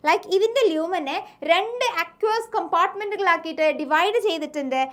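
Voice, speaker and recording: Woman, Malayali accent, very high voice, biology teacher, slow English reading, frequent questions. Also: fairly bright tone. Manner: reads English lines slowly, then explains, asks pupils questions; affectionate, calls students "children". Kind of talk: line-by-line textbook reading lesson.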